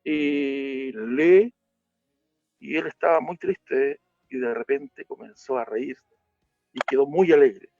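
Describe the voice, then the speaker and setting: A man giving a reflective faith talk that turns to a parable, pausing often with fillers. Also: medium pitch, a little mellow, no room sound. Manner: hesitant, many fillers. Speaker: speaker. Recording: dull lo-fi sound with music.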